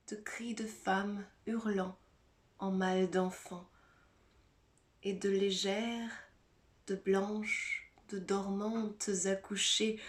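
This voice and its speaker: A woman with a mid-pitched voice recites poetry very slowly, every phrase spaced out with long pauses. Her delivery is soft and breathy, sinking now and then into a near whisper. It sounds like a phone recording. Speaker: mezzo-soprano reciting a poem.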